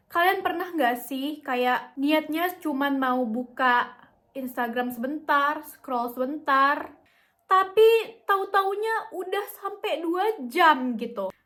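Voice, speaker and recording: Young female vlogger with a high voice, giving a motivational talk in a coaxing, repetitive way. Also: a bit bright. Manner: coaxing, chatty, repeats herself for emphasis. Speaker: self-help vlogger.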